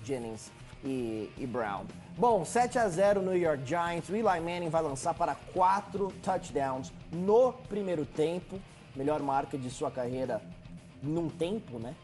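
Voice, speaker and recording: A man with a Brazilian accent giving conversational sports highlights commentary as a show analyst. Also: darkish tone.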